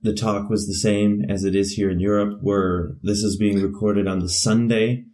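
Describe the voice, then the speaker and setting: A man's voice: on the low side, flat delivery, moderate pace, dark tone. A man with a Canadian accent chatting casually and loosely as a podcast co-host, often dropping in "you know". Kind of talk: casual chat.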